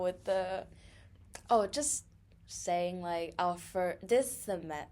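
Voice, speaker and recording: Slow, chatty young woman podcaster. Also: on the low side, warm tone. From Thailand. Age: young adult. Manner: chatty, laughs often, many fillers. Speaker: podcast co-host. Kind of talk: casual podcast chat.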